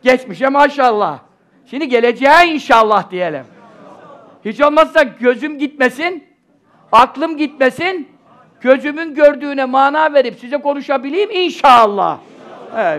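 High, gravelly preacher at a pulpit microphone. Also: male voice, a bit bright. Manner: chatty, joking asides and rhetorical questions, Arabic blessings woven in. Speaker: religious teacher. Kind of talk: sermon-style religious lesson.

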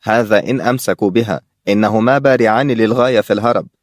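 A calm young teacher with a deep, hushed, even delivery, as a male reader puts him on. He sounds patient and sure of himself, recorded dry and close with no room sound. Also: fast talker, dry recording, natural voice.

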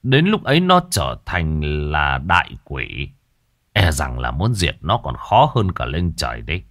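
A man voicing a calm, self-assured exorcist master who speaks in a slow, measured, authoritative way. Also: a bass voice, no echo, studio quality, voice pushed down, full character voice.

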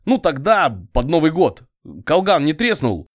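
A man's voice: a little high, animated, unhurried, voice pushed up. A man voicing a cold, laconic street gang leader who drawls his vowels. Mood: gruff, conciliatory.

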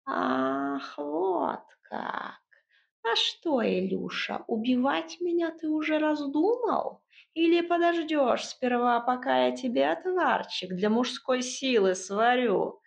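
A woman reading an audiobook performs a spiteful old witch who creaks and sneers, pitched high above a plain speaking voice. She mocks and scolds, stretching her words out slowly, and the recording sounds dull and lo-fi. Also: animated, exaggerated voice. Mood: mocking. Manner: mocking and scolding.

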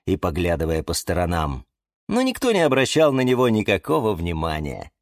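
A man narrating a children's storybook in an unhurried, expressive way. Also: low-pitched, no room sound, clean studio sound.

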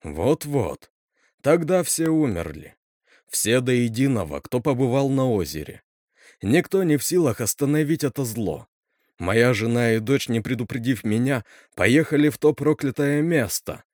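A man's voice: mid-range voice, very animated, moderate pace, no echo, studio quality, lightly acted. A man voicing a stern, grim male teacher who talks bluntly and scolds, in a read-aloud horror story. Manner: blunt, scolding, snaps loudly.

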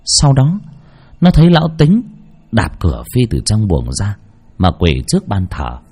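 Brief: male narrator, low dark husky voice, animated rise and fall. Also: measured pace. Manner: dramatic, tense delivery. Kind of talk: horror storytelling.

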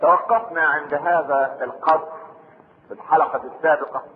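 A fairly high-pitched male preacher with an Egyptian Arabic accent, delivering a religious lecture that moves between formal Arabic and colloquial speech. He keeps throwing rhetorical questions at his listeners and breaks into prayer between points. The recording is thin and phone-like, with a long reverb tail. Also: steady tone, fairly quick, slight background noise. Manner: prays aloud between points.

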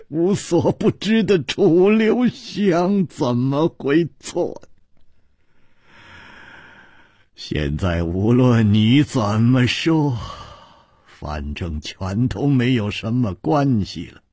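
A man voicing a frenzied, bitter young swordsman who shouts and laughs bitterly. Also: medium pitch, very animated, extremely slow, slightly rough, no room sound, clean studio sound, heavily acted.

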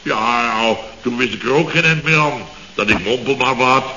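This 1960s radio comedy features a male actor as a boastful, blustering boss telling of his misfortunes with exasperation and constant exclamations. His medium-pitched voice comes across pushed and bright at a moderate pace, in a lo-fi, reverberant old radio recording with a bit of hiss or hum.

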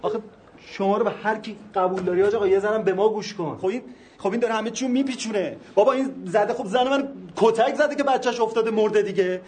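An actor voices a desperate, hot-tempered husband who keeps cutting in, his voice pitched a touch high. He argues hard and loud in a film's courtroom scene. A faint hiss runs under the track. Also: level tone, close to an everyday voice. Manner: shouting, agitated, interrupting. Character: poor, hot-tempered husband of a grieving family. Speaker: complainant in a court hearing.

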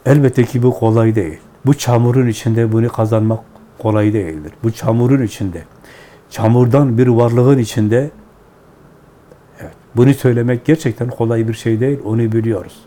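A man, a Sufi spiritual teacher, giving devotional teaching in measured, repetitive, chant-like phrases. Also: medium pitch, mellow.

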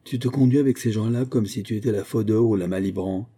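A man's voice: on the low side, quick pace, warm tone, slightly rough. A man doing a cranky old Italian singing master. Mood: lecturing. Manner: exasperated, scolding.

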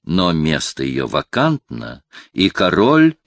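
A man's voice: extremely low pitch, wildly swooping pitch, slow pace, gravelly, no echo, clean studio sound, heavily acted. A man playing a sly scheming friar. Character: scheming Franciscan friar, calm and sly adviser. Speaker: audiobook reader voicing a character. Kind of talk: audiobook character reading.

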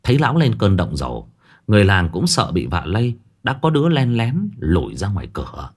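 A man tells a ghost story in a low voice that rises and falls widely. His narration is dramatic and expressive, drawing out the grisly details. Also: fairly quick, slightly rough.

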